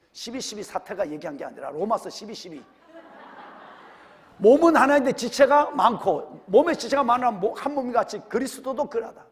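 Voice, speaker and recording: A man's voice: very high voice, in a large hall. A male senior pastor with a Gyeongsang accent, preaching a sermon and firing rhetorical questions at his congregation. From Gyeongsang region, Korea. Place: church sanctuary.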